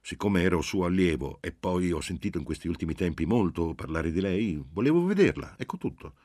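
A man's voice: deep voice, animated, fairly quick, darkish tone, no room sound, studio quality. A man voicing a polite, reserved young former student speaking on the phone in an audiobook.

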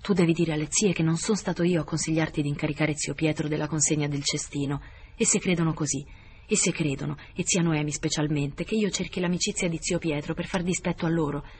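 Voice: mid-range voice, steady tone, quick pace, a little mellow, slight background noise, natural voice. A reader voicing an anguished, impulsive young man who pleads and breaks into whispers, in an audiobook. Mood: pleading. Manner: emotional, pleading, sometimes whispered. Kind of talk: audiobook character voice.

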